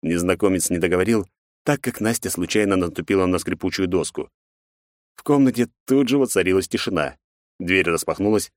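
A male audiobook narrator reading at a measured, even pace. His voice is medium in pitch. The recording is dry and close, with no room sound. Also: dry recording. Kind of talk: scripted narration.

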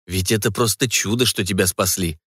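A man playing a stern middle-aged cavalry colonel and father, measured and dryly ironic. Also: fairly low pitch, a bit bright, husky, dry recording. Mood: fatherly. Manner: stern, measured, dry irony.

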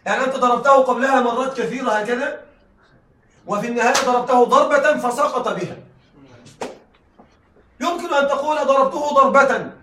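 High, fast-talking male teacher lecturing. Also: sharp tone, a little hiss or hum. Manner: checks in with the class, frequent laughing asides. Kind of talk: classroom lecture on rhetoric. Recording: echoey room, mic at a distance.

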